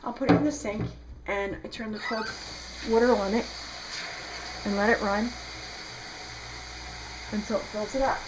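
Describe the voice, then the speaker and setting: A woman's voice: medium pitch, moderate pace, pauses often, heavy background noise. South jersey lady walking through a soap recipe in her kitchen, easygoing, lots of ums. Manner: chatty and relaxed, with frequent ums. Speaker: soap maker demonstrating a recipe. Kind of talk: casual home tutorial. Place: home kitchen, second floor.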